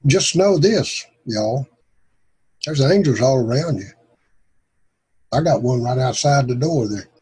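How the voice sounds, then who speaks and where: Folksy male group leader, husky breathy voice, casual and easygoing. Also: medium pitch, animated, a little slow, warm tone. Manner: folksy, calls on speakers by name.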